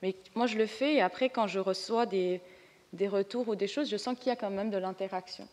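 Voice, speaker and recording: Lebanese woman panelist, candid and chatty, average pitch, reverberant hall sound. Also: brisk, a little mellow. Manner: spontaneous, frank and chatty. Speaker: panelist, comics artist. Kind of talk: casual panel talk. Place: conference hall.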